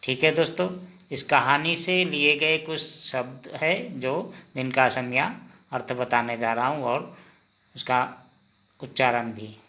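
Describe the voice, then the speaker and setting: A man teaching vocabulary in a slow lesson, asking the listener each word and then repeating the answer. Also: medium pitch, steady tone, pushed and bright. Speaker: language teacher.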